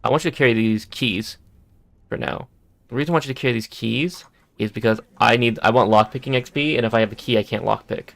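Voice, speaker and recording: Man streamer, gravelly, casual muttered play-by-play. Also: medium pitch, fast, a bit bright. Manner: muttering, thinking aloud while looting. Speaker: gameplay streamer. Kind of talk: casual gameplay commentary.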